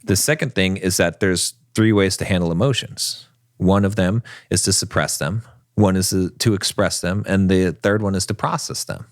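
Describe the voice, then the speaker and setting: A man's voice: low-pitched, moderate pace, no echo, clean studio sound. Emphatic man giving relationship advice. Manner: emphatic, keeps asking "right?". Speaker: podcast co-host. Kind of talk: relationship advice podcast talk.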